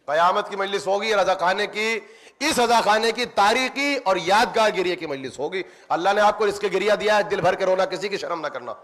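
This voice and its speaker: A man's voice: sits high, a bit bright. A man preaching a mourning sermon, impassioned and speaking directly to the congregation in a religious center hall.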